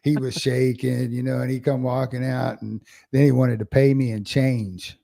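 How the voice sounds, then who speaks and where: A man's voice: mid-range voice, little pitch movement, moderate pace, vocal fry, dark tone. A man co-hosting a podcast, telling stories in a loose, rambling casual chat with plenty of slang. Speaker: podcast co-host.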